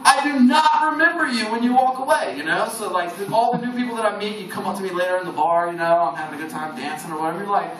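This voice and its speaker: A man performing a stand-up comedy set in a bar lounge, animated and chuckling through his own lines. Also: high voice, fast, few pauses. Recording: echoey room from far off, noisy crowd.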